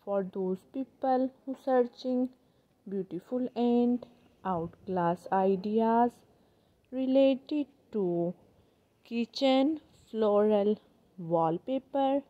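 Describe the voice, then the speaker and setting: A woman hosting a channel voice-over, addressing viewers in halting, repetitive short phrases. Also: fairly high pitch. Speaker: channel host. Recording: tinny, phone-like narrow band.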